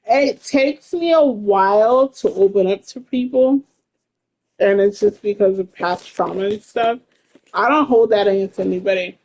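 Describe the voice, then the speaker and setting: A woman's voice: mid-range voice, a little slow, darkish tone, rough recording. A woman in her late thirties, a game streamer chatting casually with her live chat, blunt and laughing often, with plenty of swearing. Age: 30s.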